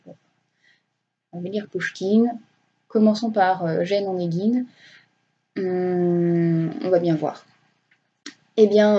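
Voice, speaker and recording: A woman's voice: medium pitch, warm tone, muffled recording, slight background noise. A young woman chatting casually about her reading weekend, rambling with many hesitations and self-corrections and poking fun at herself. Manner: self-mocking. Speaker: booktuber.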